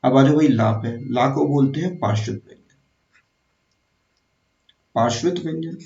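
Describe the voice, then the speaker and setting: Male teacher running an exam-prep grammar lesson, quizzes the viewer, gravelly low-key voice, heard from afar in an echoey room. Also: mellow. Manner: slow, repetitive, quizzing the viewer. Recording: echoey, distant, dull room sound.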